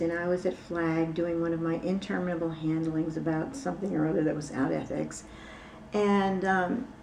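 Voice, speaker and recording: A woman with a low, gravelly voice tells a long story in a loose, rambling way, stopping often for fillers and side remarks. She sits a little back from the mic, and a faint hiss of room noise runs under her words. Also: dark tone, recorded from a distance, rough recording. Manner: rambling, with many fillers and asides. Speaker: interview guest. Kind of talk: casual storytelling.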